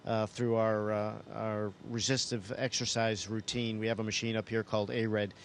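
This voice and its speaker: The voice is a man's, fairly low in pitch, level in tone and normal in speed. He is an astronaut aboard a space station, responding to questions across a noisy space-to-ground radio downlink.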